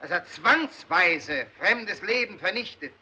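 A cold commanding crime boss. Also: male voice, sits high, animated, slow pace, a little hiss or hum, exaggerated voice, low-quality recording. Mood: stern. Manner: stern, prosecuting, building to shouts. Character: cold, commanding male crime boss presiding over a trial. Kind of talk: 1930s film drama acting.

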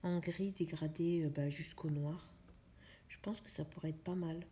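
Softly musing woman, mellow voice. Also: sits low, steady tone, normal speed, slight background noise. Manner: soft, half-whispered musing while coloring. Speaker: vlogger. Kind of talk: casual coloring vlog chat. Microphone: phone camera.

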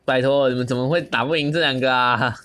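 A young man with a Taiwanese Mandarin accent giving casual, excited commentary on a battle game, mixing in English and plenty of exclamations. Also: mid-range voice, fast talker, clear, resonant tone. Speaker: gaming channel host.

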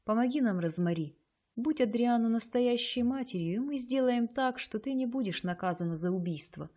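A woman voicing an elderly male cult leader who proclaims things solemnly and loudly. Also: a little high, animated, normal speed, lo-fi sound, pitched above the performer's own voice. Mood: coaxing.

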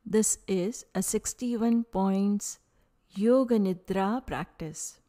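A woman with a medium-pitched voice leads a guided yoga nidra meditation. She speaks calmly and soothingly in short phrases separated by long pauses.

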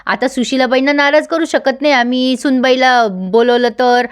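A woman with a Marathi accent giving a casual, animated recap of a TV serial episode and acting out the characters' lines. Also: sits high, moderate pace, smooth.

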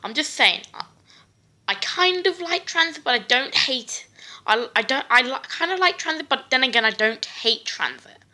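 A female gaming video creator with a high, expressive voice talks at a normal speed, her tone bright and forceful. Her commentary is casual, slangy and brash, with some swearing, and a cough makes her sound a little off.

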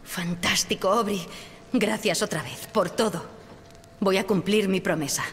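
A woman's voice: medium pitch, a little slow, lightly acted. An actress playing a weary, sardonic but resolute woman in peril in a video game. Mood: focused, grateful. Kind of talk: dramatic video game acting. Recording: hall reverb, faint background noise.

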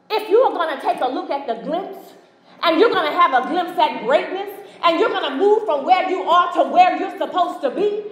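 A woman's voice: high-pitched, fairly bright tone, slight background noise. A woman from the United States giving a motivational speech at a conference, telling a story and speaking straight to the audience. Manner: storytelling, addresses the audience directly. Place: large conference hall. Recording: echoey hall with long reverb.

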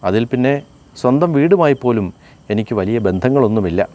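A man reading aloud and voicing a weary, sorrowful middle-aged wife who speaks in a flat, resigned way. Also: medium pitch, brisk, lightly acted.

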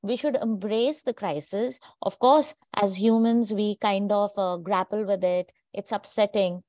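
Mellow woman host, measured and thoughtful. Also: medium pitch, dry recording, clean studio sound. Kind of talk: reflective interview comments.

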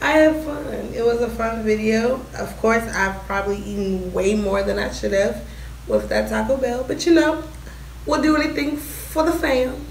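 A woman's voice: fairly high pitch, fairly even intonation, moderate pace, creaky. A woman co-hosting a casual food vlog, chatting loosely and colloquially. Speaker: YouTube vlog co-host. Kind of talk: casual chat. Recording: echoey room, faint background noise.

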